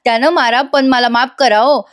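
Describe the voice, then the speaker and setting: A woman's voice: high-pitched, steady tone, moderate pace, natural voice. A woman voicing a panicky, fawning man who is fond of drink and pleads in a flustered way, repeating himself, as she retells a TV serial scene. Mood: pleading.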